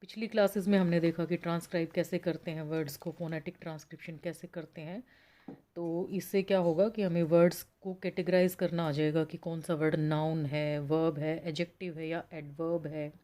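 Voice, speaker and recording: A young woman with an Indian accent teaches English pronunciation in an online lesson. She reads English lines slowly, then explains them patiently in Hindi. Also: low voice, fairly even intonation, warm tone. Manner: patient, explanatory, addresses students as children.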